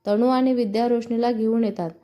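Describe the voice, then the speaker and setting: Mellow-voiced woman narrating a Marathi story. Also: a little high, a little fast. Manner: reads all parts in one even narrating voice. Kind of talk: scripted story narration with character dialogue.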